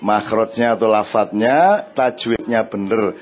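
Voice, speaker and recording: A man with an East Javanese accent speaking to an audience. He answers their questions in a lively, conversational way and often asks them "right?". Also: fairly low pitch, unhurried, dull audio. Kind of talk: religious and social talk before an audience.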